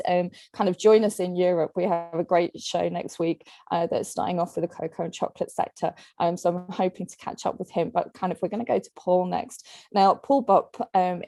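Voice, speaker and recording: Lady hosting a panel chat, mellow low voice, dry sound, lots of ums. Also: no room sound. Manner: chatty, with many "um" and "kind of" fillers. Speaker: panel moderator.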